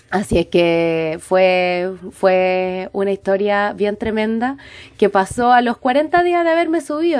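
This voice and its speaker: A woman's voice: fairly high pitch, a little mellow, dry recording. A young woman, hosting and telling a personal story in a dramatic, emotive way, with many restarts. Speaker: host.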